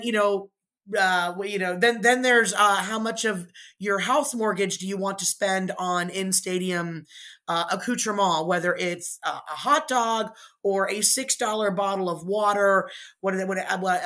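Bright-voiced wry woman co-host. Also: medium pitch, normal speed. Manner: wry, dry sarcasm. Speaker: podcast co-host. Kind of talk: casual chat.

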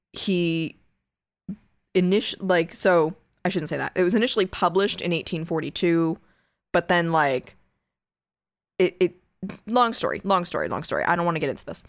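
A woman's voice: fairly low pitch, a little slow, pauses often, no room sound, studio quality. A woman podcast host chatting casually in a joking, sweary way. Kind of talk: casual chat.

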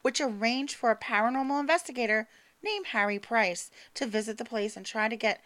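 A woman's voice: on the high side, brisk, a bit bright. A woman co-hosting a podcast, casually retelling a haunted-house history, tripping over names and swearing offhandedly. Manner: stumbles over names and words, laughs at herself. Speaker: podcast co-host telling the story. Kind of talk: casual storytelling chat.

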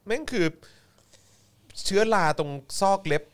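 A man's voice: sits high, animated, a little slow. A man co-hosting a casual political talk show, sarcastic and swearing freely as he mocks the news. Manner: sarcastic, swears freely, laughs while mocking. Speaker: podcast co-host. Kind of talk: casual political commentary chat.

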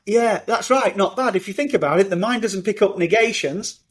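A middle-aged man, talking as a podcast guest in an animated, upbeat way. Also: high voice, brisk. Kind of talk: conversational interview.

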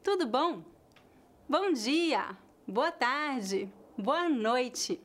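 A Brazilian woman teaching Portuguese phrases in a clear, deliberate way, with a Brazilian Portuguese accent. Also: high voice. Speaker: language teacher. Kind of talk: slow scripted lesson narration.

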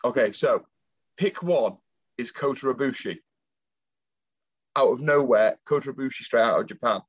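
A man's voice: mid-range voice, expressive, moderate pace, slightly rough. Chatty man, slightly dull recording. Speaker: podcast co-host. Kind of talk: casual podcast chat.

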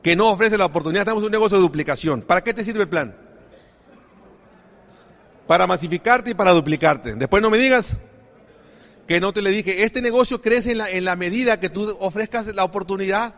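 Man, high voice, motivational business talk in a reverberant convention hall, emphatic, quizzes the crowd. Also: fairly quick, a bit bright. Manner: emphatic, keeps asking the audience questions. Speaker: business opportunity speaker. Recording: long reverb of a large hall.

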